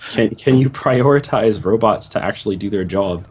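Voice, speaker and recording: A man's voice: lowish voice, moderate pace, breathy edge. A man co-hosting a gaming chat, telling stories animatedly with frequent restarts. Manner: animated storytelling, stumbling restarts. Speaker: co-host of a gaming series.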